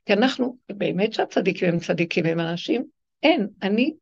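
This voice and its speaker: A woman teacher gives a spiritual lecture to her class, her voice rough and gravelly. She talks emphatically and acts out the people in her stories. The recording is dull and lo-fi. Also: mid-range voice, animated. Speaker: religious teacher leading women's classes.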